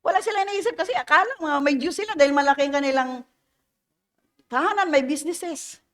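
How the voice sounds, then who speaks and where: High-voiced Filipina woman pastor preaching. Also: fairly quick, a bit bright. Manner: mixes English phrases into Filipino preaching, asks the congregation questions; playful teasing, laughs between points. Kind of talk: Sunday sermon.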